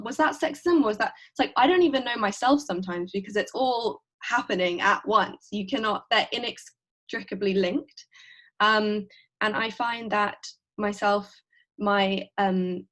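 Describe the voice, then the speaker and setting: A woman speaking on a panel over a video call, reflective and searching for words, with many fillers. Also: medium pitch.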